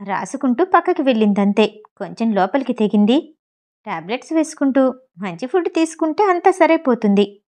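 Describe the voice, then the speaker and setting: Brief: a woman playing a breezy, joking young doctor in an audiobook, mellow voice. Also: fairly high pitch, sing-song, moderate pace. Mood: reassuring, joking.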